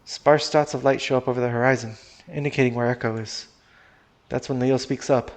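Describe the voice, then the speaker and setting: A man's voice: mid-range voice, fairly even intonation, brisk. A man reading a first-person story aloud on a stream, casual in tone, swearing now and then and restarting sentences.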